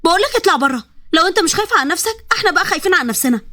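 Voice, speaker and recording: A woman voicing a bossy, panicky young woman with an Egyptian accent who scolds in a shrill voice. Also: lively intonation, rapid-fire, sharp tone, dry recording, clean studio sound, full character voice. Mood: scolding. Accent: Egyptian Arabic.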